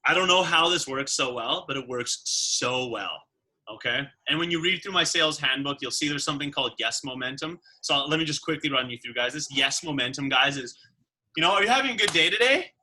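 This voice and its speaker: A man giving a casual sales training talk, animated and acting out quoted dialogue. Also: mid-range voice, brisk.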